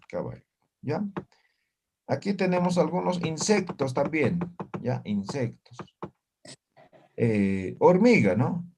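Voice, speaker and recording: A man leads a relaxed online language lesson at an unhurried pace. His pitch moves up and down a lot as he says each word twice. He keeps checking in with the class as he goes. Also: breathy edge. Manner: slow and lively, repeats each word and keeps asking the class "¿no?". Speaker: Aymara language teacher.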